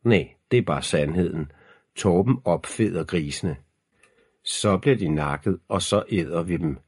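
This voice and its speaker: A man's voice: low-pitched, husky, no room sound, studio quality. A man voicing a blunt, sarcastic boy who snaps at his sister, in an audiobook reading. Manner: snarling, matter-of-fact.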